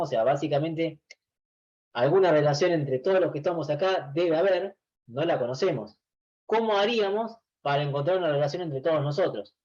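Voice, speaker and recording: A man lectures a university class over a video call. He explains patiently, doubling back on phrases and filling pauses with "eh". His voice sits a little high, and the sound is dull and lo-fi. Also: a little mellow. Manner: explains patiently, many restarts and filler "eh". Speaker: university database teacher.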